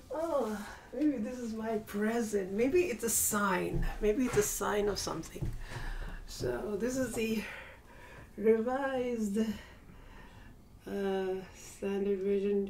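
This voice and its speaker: A woman's voice: medium pitch, recorded from a distance, background noise. A forty-year-old woman vlogging casually from her bedroom, rambling and hesitant with many fillers. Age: 40s. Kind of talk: casual personal vlog. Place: small cluttered bedroom indoors. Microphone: built-in webcam mic at desk distance.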